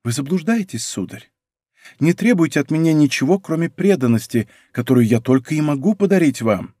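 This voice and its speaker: A sorrowful young noble marquise, as a male reader puts her on, speaking softly with a faint bitter edge. The voice sits close and dry against a studio microphone, hushed rather than raised. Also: fairly high pitch, expressive, brisk, no echo. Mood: wistful. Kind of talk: audiobook character reading.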